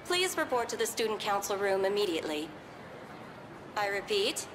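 An actress voicing a young woman making a formal school announcement over a PA loudspeaker. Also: medium pitch, sing-song, moderate pace, background noise. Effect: heard over a school PA loudspeaker. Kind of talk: video game voice acting.

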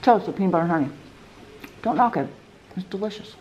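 A woman's voice: fairly low pitch, animated, quick pace, muffled recording. A woman in her thirties talking casually and cheerfully while she cooks in her home kitchen, with joking asides. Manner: chatty, upbeat, self-joking asides. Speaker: cooking vlogger. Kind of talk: casual kitchen vlog talk. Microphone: camera on counter at mid distance. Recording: echoey kitchen with faint noise.

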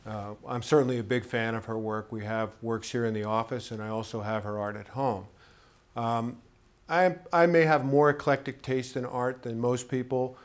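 A man's voice: medium pitch, normal speed. Earnest middle-aged man in an office. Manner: earnest, admiring. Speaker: art collector. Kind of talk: documentary interview. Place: office, indoors.

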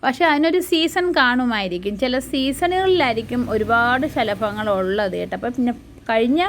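A woman's voice: fairly high pitch, expressive, normal speed, a little hiss or hum. A woman narrating her family's outing in a casual, chatty voice-over, often checking in with her listeners. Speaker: vlogger and mother.

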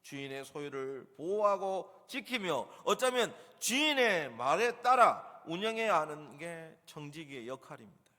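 A man preaching a sermon as pastor in a church, dramatizing quoted lines with lively voices. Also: a little high, a little slow, in a large hall. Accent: Gyeongsang dialect in acted asides. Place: church sanctuary.

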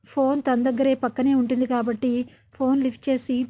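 Woman narrator, high voice, mellow tone, serial episode recap, plain storytelling. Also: level tone, normal speed. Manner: plain storytelling with repeated linking phrases.

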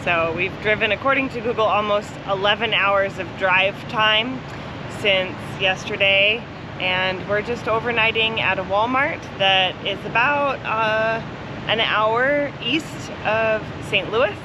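A woman in her thirties vlogging a road trip in casual, upbeat chat, filmed on a handheld camera. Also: medium pitch. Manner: upbeat, chatty, quick to laugh. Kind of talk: casual travel vlog chat. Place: inside a motorhome and outdoors in a truck-filled parking lot at night. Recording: noisy road and parking lot background.

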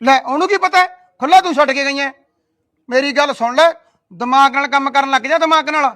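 A man's voice: very high voice, brisk, sharp tone. A man playing a hot-tempered grown son who scolds his wife in a comic sketch. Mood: angry. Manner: blustering, repeats himself angrily.

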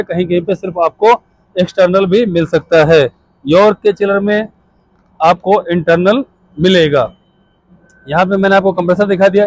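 A man's voice: high-pitched, a little mellow, dry recording, low-quality recording. Man explaining a chiller outdoors. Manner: explains step by step, pointing at parts. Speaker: HVAC instructor. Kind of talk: hands-on technical explanation. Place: outdoors on a rooftop beside a chiller unit. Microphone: phone camera held by a helper.

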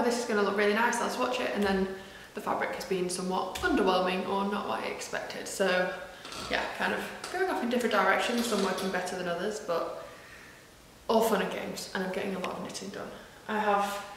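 Chatty knitwear vlogger, woman, recorded on the camera mic in a large echoey room with faint background noise. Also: mid-range voice. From northwest England. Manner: chatty, self-deprecating, many ums and asides. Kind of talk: casual chat to camera.

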